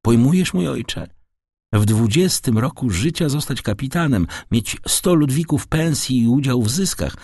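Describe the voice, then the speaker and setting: A man's voice: mid-range voice, animated, normal speed, darkish tone, breathy edge, no room sound, studio quality, pitched above the performer's own voice. A man voicing an eager young sailor son who speaks earnestly and urgently.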